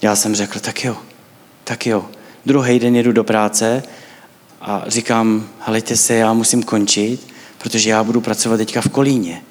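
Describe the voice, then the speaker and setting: A man's voice: lowish voice, flat delivery. A man preaching in a church, telling his own story earnestly and acting out his prayers. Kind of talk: personal testimony sermon. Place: church hall. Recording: echoey church hall.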